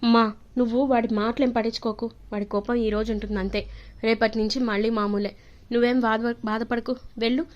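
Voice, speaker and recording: A woman's voice: a little high, level tone, a little fast, lo-fi sound, lightly acted. A woman voicing a firm older mother who scolds her grown son, in a telling of a TV serial. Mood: stern.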